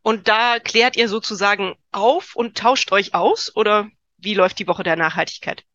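A woman's voice: medium pitch, normal speed, a bit bright, no echo, lo-fi sound. A woman with a slightly stuffy nose a cold, hosting a podcast with introductions and interview questions.

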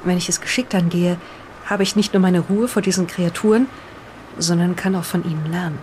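Voicing an earnest island resident who's on the defensive, a performer in an improvised radio play speaks deliberately, as if reading from a page. Their mid-range voice is a little mellow, natural and fairly even in intonation, set against slight background noise in a solemn reading.

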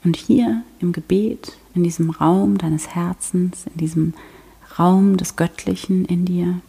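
A woman guiding a prayer meditation in a soft, slow, half-whispered voice. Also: fairly low pitch, fairly even intonation, vocal fry, slightly rough. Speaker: prayer guide.

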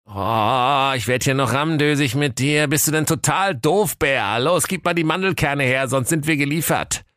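A man's voice: mid-range voice, moderate pace, fairly bright tone, no echo, studio quality, voice pushed up, lightly acted. A man voicing a sly, bossy big bad wolf, snappy and impatient, in a comic storybook reading. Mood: bossy scheming.

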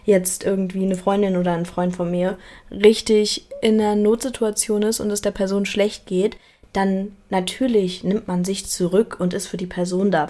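A woman's voice: medium pitch, warm tone. Earnest young woman talking about herself. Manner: earnest, with restarts and repeated words. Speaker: podcast host. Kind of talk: reflective solo talk.

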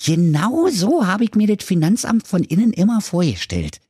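A man's voice: high voice, wildly swooping pitch, moderate pace, mellow, breathy edge, no echo, studio quality, pitched above the performer's own voice, heavily acted. Fearless storybook hero with a Berlin dialect, cheeky and loose, read by a man. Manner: cheeky, carefree. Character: cheerful fearless young man.

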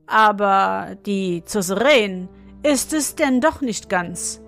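A woman's voice: mid-range voice, lively intonation, slow pace, creaky, fairly bright tone, faint music behind, exaggerated voice. Woman voicing a sneering, mysterious guest. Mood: mocking. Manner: sneering, superior. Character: mocking mysterious male foreign guest.

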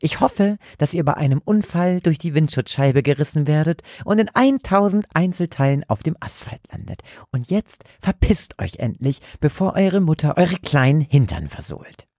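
A man's voice: on the high side, lively intonation, normal speed, few pauses, darkish tone, no room sound, clean studio sound, pitched above the performer's own voice. A man voicing a sinister, spiteful voice that belongs to a hidden face in a spoken horror story, hissing and gloating.

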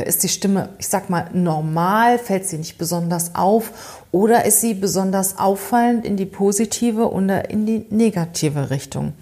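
A woman's voice: mid-range voice, mellow. Woman doing an explainer podcast, talks right at you, lots of questions to the listener. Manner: conversational, asks many rhetorical questions; speaks directly to the listener. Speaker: podcast host. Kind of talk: educational podcast monologue.

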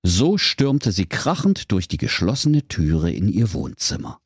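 A man narrating a comic fairy tale in a playful, expressive storytelling manner. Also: low-pitched, a little slow, slightly rough, dry recording, clean studio sound.

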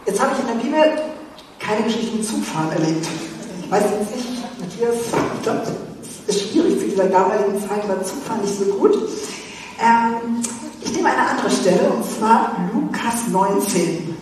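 A woman's voice: mid-range voice, animated, moderate pace, a little mellow, slight background noise. A woman preacher giving a chatty youth sermon, talking straight to the youngsters and laughing often. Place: church. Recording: echoey church hall from far off.

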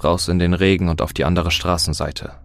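A man narrating a scripted horror story in a steady, dramatic reading. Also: low-pitched, fairly quick, vocal fry, soft background music.

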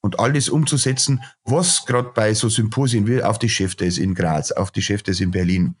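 With a lowish voice carrying a breathy edge, a middle-aged chef-restaurateur speaks at a moderate pace in a relaxed podcast interview. It comes out as a blunt rant, thick with filler noises and repeated starts.

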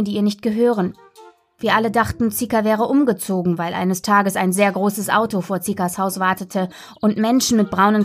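A woman reading a children's story aloud in a gentle, playful way, narrating as a dog in the first person. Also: mid-range voice.

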